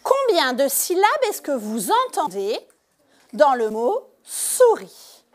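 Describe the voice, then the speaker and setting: A woman teacher giving a lesson to young pupils in a classroom, speaking slowly and clearly and stressing each syllable. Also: high voice, wildly swooping pitch. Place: primary school classroom.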